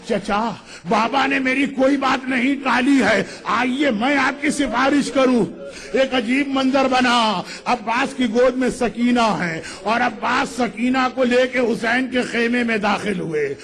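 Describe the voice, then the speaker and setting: Very high-pitched man preaching passionately. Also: fairly bright tone. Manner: dramatic storytelling, voicing the figures in quotes. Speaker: religious orator. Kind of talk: impassioned mourning sermon.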